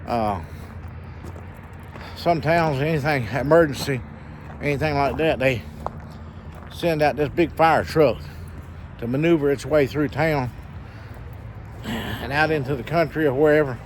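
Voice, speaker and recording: A vlogger with a slightly scratchy throat rambles folksily to camera in a casual monologue packed with fillers. His medium-pitched voice is unhurried, with frequent pauses.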